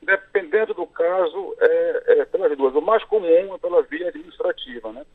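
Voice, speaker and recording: Over a phone line, a Brazilian man who works as a lawyer gives measured explanations in an interview, using fillers as he moves through each point. His pitch is fairly high.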